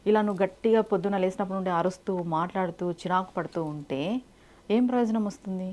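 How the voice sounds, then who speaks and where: A woman's voice: mid-range voice, fast, darkish tone. A woman giving devotional advice in a direct, instructive way, often asking rhetorical questions. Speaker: spiritual speaker.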